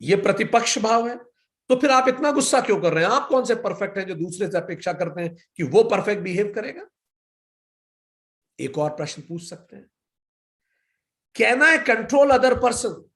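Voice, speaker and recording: A man's voice: sits high, lively intonation, moderate pace, long pauses, fairly bright tone. A man giving a spiritual lecture as a yoga philosophy teacher, firing rhetorical questions and mixing English words into his talk. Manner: asks rhetorical questions, then answers them himself; mixes English words into Hindi.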